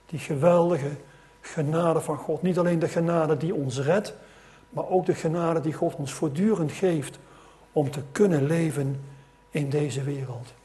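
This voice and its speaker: A man's voice: on the high side, a little slow, dark tone. A middle-aged man preaching a sermon, telling a story with rising emphasis and frequent restarts.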